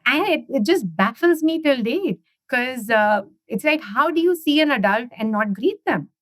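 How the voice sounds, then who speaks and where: A woman's voice: sits high, animated, moderate pace, a bit bright, dry recording. A middle-aged woman from India, chatting as a guest in an interview and leaning on "you know" and "right?". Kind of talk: casual interview conversation.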